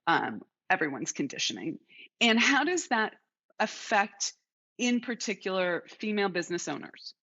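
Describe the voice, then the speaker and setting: A woman's voice: mid-range voice, big pitch swings, moderate pace, sharp tone. Woman host with dull lo-fi sound. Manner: thoughtful, restarts phrases, steers the talk. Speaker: podcast host. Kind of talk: casual interview chat.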